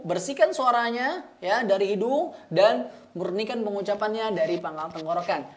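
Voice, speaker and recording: A man's voice: high-pitched, expressive, moderate pace, a little hiss or hum. A man teaching Quran recitation, patiently repeating sounds and checking in with "ya" after each point. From Indonesia. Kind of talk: slow step-by-step recitation lesson.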